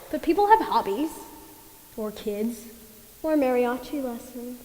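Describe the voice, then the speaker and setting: A woman's voice: a little high, lively intonation, unhurried, background noise. An actress playing a wry young woman who has been waiting to meet Death, in a stage musical rehearsal. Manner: dry, sardonic. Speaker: stage actor. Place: theatre stage at dress rehearsal. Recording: stage with long reverb.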